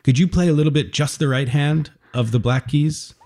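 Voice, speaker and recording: A radio host interviews a young musician, speaking gently and encouragingly and putting musical terms into plain words. Her voice is medium-pitched and her pace moderate.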